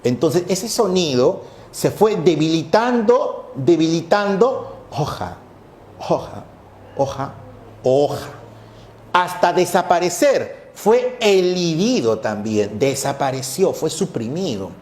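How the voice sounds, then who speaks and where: Brief: male teacher lecturing slowly with a lively, rising-and-falling voice, in an echoey room. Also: fairly high pitch. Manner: explanatory, repeats "¿no es cierto?" and "eh" often. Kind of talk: classroom lecture.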